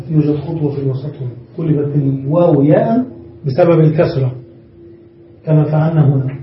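A man with a fairly high voice leads a grammar lesson, explaining each step and pausing to ask his students whether they follow. He is picked up from across a reverberant room. The recording sounds dull and lo-fi. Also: slight background noise. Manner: explains step by step, often checks understanding with the class. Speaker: Arabic grammar teacher. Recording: roomy, muffled recording from a distance.

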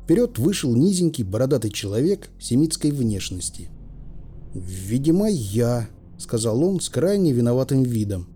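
A man's voice: medium pitch, very animated, a little fast, hardly any pauses, warm tone, faint music behind. A man narrating an audiobook in the first person, weary and dryly ironic, voicing the characters as he goes.

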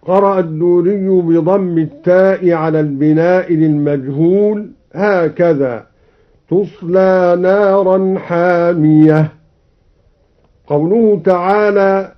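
Male radio instructor with a high voice. He explains slowly and chants his examples. Old broadcast sound, slightly dull. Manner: measured, deliberate explanation with chanted quotations. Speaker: Quran recitation instructor introducing a radio recitation. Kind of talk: explaining reading variants, then chanting the verse examples. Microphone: studio broadcast microphone.

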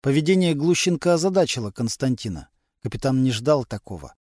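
A man reads a crime novel aloud in an even, unhurried storytelling voice. His pitch sits in the middle range. The studio recording is close and dry. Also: no room sound. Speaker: audiobook narrator. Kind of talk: scripted narration.

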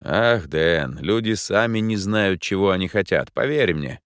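A composed older professor, voiced by a male reader, speaks politely and a little loftily. His voice is low but expressive, recorded dry and close. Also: smooth, no room sound. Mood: calm. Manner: measured, polite, faintly lofty. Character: older male professor, calm, courteous and principled.

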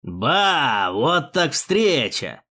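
A man's voice: fairly high pitch, sing-song, moderate pace. A man voicing a mocking, crude male police thug with a jeering manner in an audiobook. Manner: jeering, sneering, loud.

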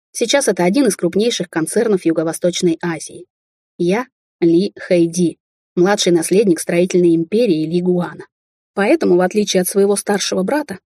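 A woman's voice: lowish voice, warm tone, breathy edge, no room sound, clean studio sound. A woman voicing a young Chinese heir. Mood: explaining. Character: young Chinese man, rich heir, hot-tempered.

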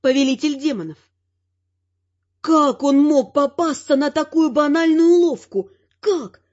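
A woman reading first-person fantasy audiobook narration with wry, expressive delivery. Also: high-pitched, a little slow, faint music behind. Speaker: audiobook reader. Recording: slightly dull lo-fi sound.

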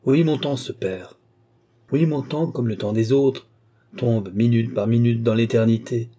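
An ancient male alchemist, bitter and furious, hurls insults at his pupil in a high, strained voice that spikes upward with every outburst, as a male narrator puts him on. Under the shrillness sits a dark, husky grain. It is a storybook reading. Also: normal speed. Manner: shrill ranting invective.

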